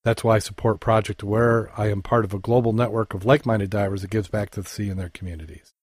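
A man co-hosting a podcast, reading dive news articles aloud and chatting, halting with fillers and self-corrections. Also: lowish voice, fairly even intonation, a little mellow, no echo, clean studio sound. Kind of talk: casual news reading and chat.

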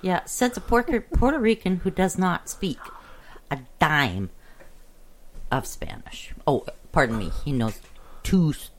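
A woman with a fairly low voice that rises and falls expressively, teasing her co-host and telling chatty anecdotes on a casual radio show. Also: animated, measured pace, slight background noise. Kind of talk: casual banter and storytelling.

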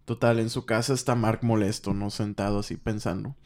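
A man's voice: steady tone, brisk, a little mellow. Mexican man animatedly recapping a comic. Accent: Mexican Spanish. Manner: acts out characters' lines with raised pitch. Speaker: podcast co-host recapping a comic book. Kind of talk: casual storytelling recap.

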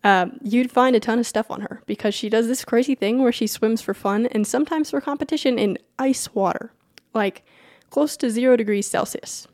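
A woman with a slightly high, darkish voice reads her podcast's announcements and introduction at a moderate pace, then chats with a guest in a scripted-intro-then-casual-interview format. She's chatty, apologizes and laughs easily, and sounds dry and clean, like a studio.

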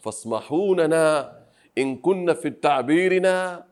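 A man from Pemba, by birth, answers an interviewer's questions. He speaks earnestly and humbly in a soft voice and often restarts his phrases. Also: on the high side, animated, moderate pace. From Pemba, Zanzibar. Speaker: Arabic grammar teacher, interview guest. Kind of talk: interview conversation.

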